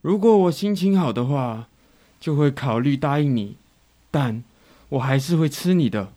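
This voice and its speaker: Smug sly wolf guy, dark mellow voice, storybook villain, a man voices him. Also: mid-range voice, lively intonation, moderate pace, close to an everyday voice. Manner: menacing, smug chuckle. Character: hungry wily male wolf, smug.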